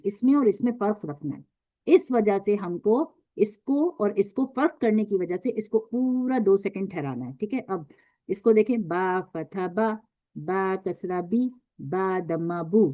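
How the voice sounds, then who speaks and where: A woman teaching Quran recitation in an online lesson, patient and repetitive, stretching letter sounds slowly to show them. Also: a little high, dry recording, muffled recording.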